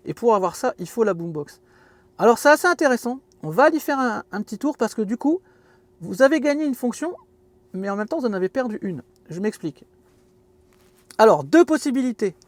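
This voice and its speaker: High-voiced man chatting from his car. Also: no echo. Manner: chatty, joking, self-mocking asides. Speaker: car video host. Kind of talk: casual product walkthrough. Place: inside a parked car.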